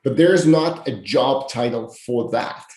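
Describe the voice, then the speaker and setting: Male podcast co-host, mid-pitched, loose rambling chat, echoey room. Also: measured pace, a little mellow. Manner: rambling, many restarts and fillers. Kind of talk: casual chat. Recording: roomy echo.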